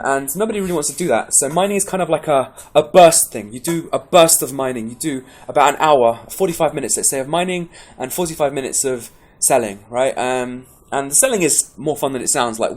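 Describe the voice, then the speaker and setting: A man's voice: medium pitch, animated, a little fast, few pauses. A man giving a casual, rambling gameplay tutorial, chatty and full of restarts. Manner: caffeinated, pepped up. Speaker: game guide presenter.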